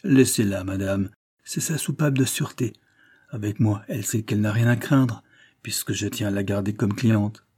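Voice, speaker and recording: A man's voice: on the low side, moderate pace, a little mellow, slightly rough. A man reading aloud voices a proud, worldly middle-aged woman dressmaker who speaks in a dry, knowing, confiding way.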